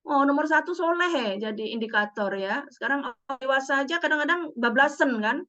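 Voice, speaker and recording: Telling stories at a parenting seminar, a middle-aged female psychologist speaks fairly quickly in a high voice and performs the dialogue with animation. The audio is muffled, dull and low-fidelity.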